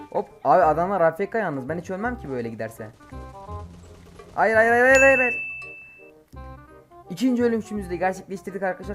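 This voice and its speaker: A man giving live gameplay commentary as a mobile game streamer, excitable and quick to curse and shout at his teammates. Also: on the high side. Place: home, playing on an emulator.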